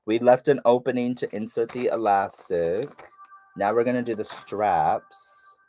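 Soft music plays behind a man with a mellow, mid-range voice who talks at a measured pace. Congested from a stuffy nose, the sewing vlogger chats with viewers by name while sewing along.

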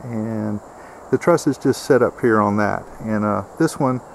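A man's voice: on the low side, a little slow, creaky, slight background noise. Plainspoken man outdoors. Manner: plainspoken, many uh fillers, explains step by step. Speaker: homesteader demonstrating a build. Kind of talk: casual how-to walkthrough. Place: outdoors on a rural wooded homestead.

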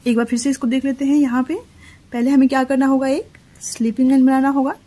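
Woman teacher, higher voice, husky, patient step-by-step handwriting lesson. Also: little pitch movement, mellow. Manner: slow, step-by-step explaining with Hindi-English code-mixing. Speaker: play school teacher. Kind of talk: handwriting lesson for young children.

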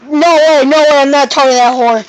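A woman voicing a bratty young male koopa prince who yells and panics, with faint noise behind. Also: high voice, fairly even intonation, fast talker, natural voice, poor audio. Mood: scheming. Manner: shrieking and panicked, yelling for help.

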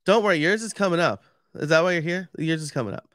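A man's voice: a little high, animated, fast talker, fairly bright tone, smooth, no echo, clean studio sound. A man with a New York accent giving a casual, chatty livestream talk and explaining step by step with many fillers. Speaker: podcast expert giving a live stream talk.

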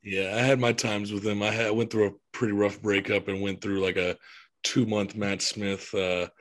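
Laid-back low-voiced male co-host. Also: little pitch movement, moderate pace, a bit bright. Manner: laid-back, laughing often. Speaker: podcast co-host. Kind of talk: casual chat.

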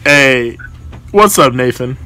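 A man in his twenties with a medium-pitched, expressive voice that sounds pushed and bright speaks slowly. He makes casual prank phone calls, hesitant and falsely polite, using slangy wording, recorded close up at home in a small indoor bedroom with slight background noise.

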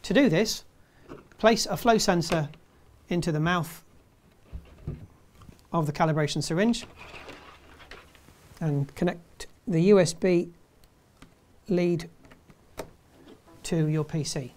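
A man's voice: a little high, darkish tone, slight background noise. Man narrating step-by-step instructions. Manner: measured step-by-step delivery. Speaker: presenter.

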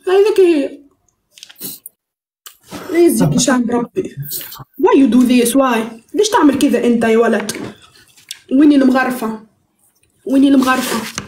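A woman's voice: high-pitched, moderate pace, pauses often, darkish tone, roomy sound, slight background noise. A woman with a Tunisian accent chatting playfully on a live stream while baking, teasing and slipping into broken English.

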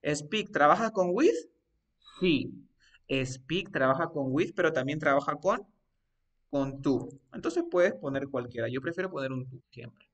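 A man's voice: a little high, animated, measured pace, recorded from a distance. A man teaching an English grammar lesson, coaxing his students step by step with repeated questions. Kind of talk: live online grammar lesson.

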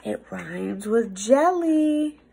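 Slightly high and gravelly, a young adult woman's voice carries an animated storybook reading for children, with slight background noise. She reads like a teacher in a small indoor office room, playful and theatrical, drawing out words and slipping in hushed asides.

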